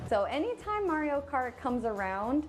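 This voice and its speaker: A woman's voice: high voice, big pitch swings, moderate pace. A woman from an animal rescue, talking in a news interview in a conversational way with some fillers. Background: background music.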